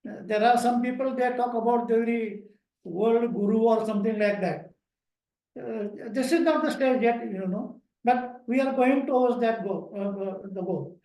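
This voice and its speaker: A man with an Indian English accent giving an online lecture to teachers, slow and repetitive with many fillers, recorded over a video call. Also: very high-pitched, warm tone. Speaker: lecturer at a teachers' training program. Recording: echoey room, speaker far from the mic.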